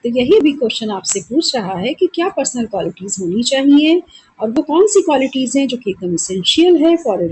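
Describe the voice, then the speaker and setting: A woman teacher with an Indian English accent, reading exam questions slowly in English and then explaining them in Hindi. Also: on the high side, darkish tone, slightly rough, low-quality recording.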